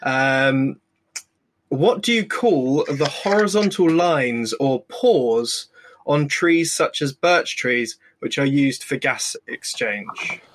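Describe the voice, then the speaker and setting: A man's voice: medium pitch, slow. A man co-hosting a quiz, chatting casually as he explains questions and answers. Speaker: quiz co-host. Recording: clear background noise.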